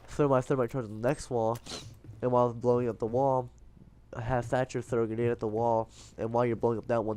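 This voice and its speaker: Casual gamer guy doing commentary, super stuffy blocked nose, mellow voice, bit of background noise. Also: medium pitch. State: congested, breathing through the mouth. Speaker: gaming video host. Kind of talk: casual gameplay commentary and tips. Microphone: voice-over dubbed onto game footage.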